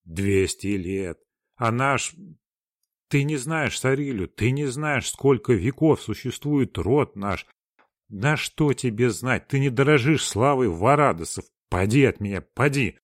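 A man voicing a proud, fiery old grandee obsessed with his family lineage, who shouts and trembles with rage. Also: deep voice, fairly even intonation, measured pace, no echo, studio quality. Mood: furious. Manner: shouting, furious, trembling declamation.

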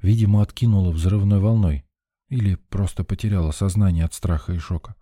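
A man's voice: sits low, steady tone, fairly quick, mellow, no room sound, clean studio sound. A man reading a first-person story in a tense, urgent narrating voice. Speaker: audiobook narrator.

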